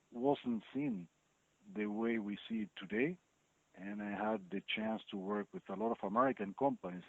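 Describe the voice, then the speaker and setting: A man in his fifties from Chile, giving thoughtful interview answers with many pauses and fillers. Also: on the high side, creaky, no room sound. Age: 50s. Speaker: chief legal officer, guest. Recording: dry, tinny phone-like sound.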